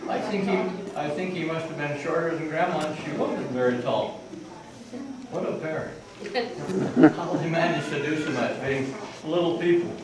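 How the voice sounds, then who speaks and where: A man's voice: on the high side, normal speed, a crowd in the background. An older man giving an informal family history talk, rambling with asides and restarts, recorded from a distance in an echoey room with background noise.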